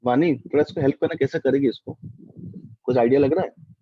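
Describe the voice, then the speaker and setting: Husky-voiced man teaching a physics class. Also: mid-range voice, fairly even intonation, a little fast, no room sound. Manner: mixes Hindi and English, quizzes students often. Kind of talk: online class lecture. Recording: dull dry lo-fi mic.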